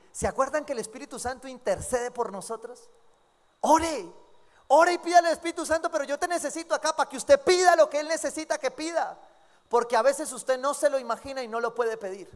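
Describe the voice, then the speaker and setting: A man preaching a sermon as pastor, lively and joking as he acts out members of his church. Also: very high voice. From Colombia. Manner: lively, acts out quoted congregants with humor. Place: church sanctuary. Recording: long church hall reverb.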